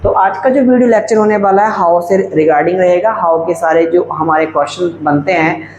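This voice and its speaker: A man teaching English grammar in a lecture, dictating example sentences slowly word by word. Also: high voice, lo-fi sound. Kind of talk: classroom-style video lecture. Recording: echoey room, faint background hum.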